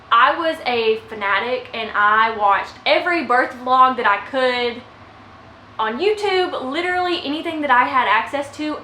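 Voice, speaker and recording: A woman's voice: high voice, pushed and bright, a little hiss or hum. A young woman vlogger telling her own story casually to the camera, emotional and close to tears at times. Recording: echoey room with faint ambience.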